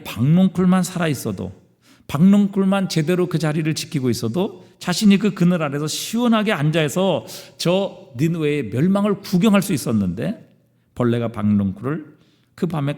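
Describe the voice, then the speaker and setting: A male pastor preaching a sermon, retelling scripture with animated, dramatized storytelling in a church sanctuary. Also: on the high side. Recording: long reverb of a church sanctuary.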